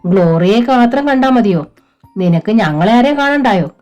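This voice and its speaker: A woman's voice: a little high, animated, normal speed, a little mellow, faint music behind, pitched above the performer's own voice, close to an everyday voice. Woman doing a cheeky teasing schoolgirl.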